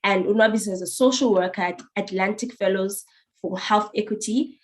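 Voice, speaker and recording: A woman's voice: medium pitch, a little fast. A woman with a South African accent giving a formal, partly read introduction as the host of an event.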